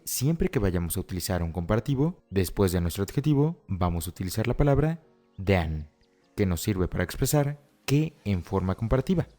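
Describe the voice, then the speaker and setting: A man explaining grammar rules step by step as a teacher, reading example phrases slowly and carefully. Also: sits low. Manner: explains step by step, often repeating "si observaste bien" and "por lo tanto". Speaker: English teacher. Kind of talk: scripted Spanish-language grammar lesson. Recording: soft music underneath.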